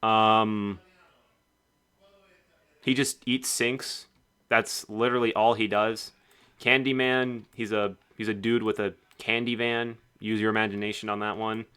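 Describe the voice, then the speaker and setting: Offhand man with a bright, crisp voice. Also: fairly low pitch, little pitch movement, unhurried. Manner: rambling, offhand. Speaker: game developer. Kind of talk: casual devlog narration.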